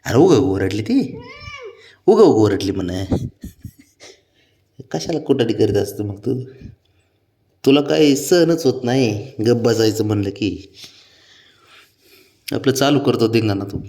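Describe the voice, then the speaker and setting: A man talking to his pet cat in coaxing baby talk, soothing and pleading, with his voice swooping up high on questions. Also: expressive, measured pace, pauses often, warm tone.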